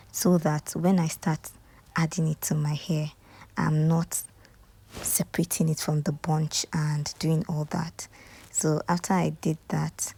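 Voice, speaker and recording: In a casual voice-over, a Nigerian woman walks viewers through styling hair, frequently dropping to soft, near-whispered asides. Her voice is low-pitched and gravelly.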